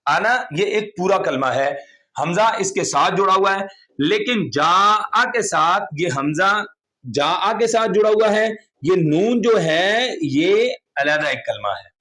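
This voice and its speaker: A man's voice: high voice, expressive, slow, sharp tone. Patient man teaching Quran reading. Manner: patient, repetitive explaining with frequent "theek hai". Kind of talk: explanatory online lesson.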